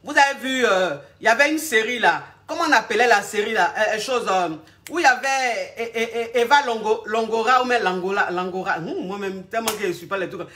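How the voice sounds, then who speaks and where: A woman's voice: on the high side, brisk, a bit bright. A woman giving relationship advice in a casual live talk, speaking straight to her viewers and rambling as she searches aloud for words. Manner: addresses the audience directly and familiarly. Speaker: relationship coach.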